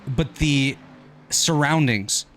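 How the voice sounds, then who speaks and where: A man calling an online racing broadcast as play-by-play commentator, talking quickly and correcting himself on the fly. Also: medium pitch, faint music behind. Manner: rapid, energetic play-by-play with quick self-corrections.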